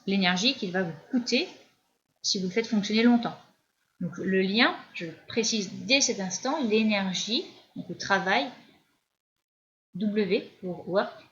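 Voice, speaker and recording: A woman physics teacher with a French accent giving a recorded lecture while writing at the board, often pausing and restarting her sentences. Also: mid-range voice, a bit bright. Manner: explanatory, with frequent hesitations and restarts. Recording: dull lo-fi lecture recording with faint hiss.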